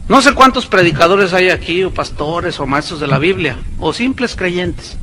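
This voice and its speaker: A man preaching a sermon as a pastor, with sarcastic asides and quick mimicking voices. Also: high voice, expressive, pushed and bright, a little hiss or hum, low-quality recording.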